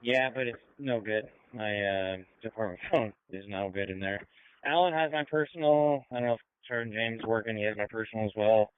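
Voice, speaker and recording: Casual male radio talker, lowish clear voice, thin narrowband signal. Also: fairly quick, dry recording. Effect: two-way radio. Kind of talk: informal radio conversation. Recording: narrowband scanner radio, dry.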